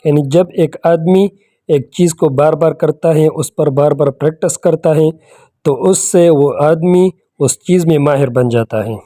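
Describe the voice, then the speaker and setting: A man teaching Quran recitation in a slow, patient lesson, repeating key words and phrases. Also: fairly high pitch, warm tone. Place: academy channel video lesson.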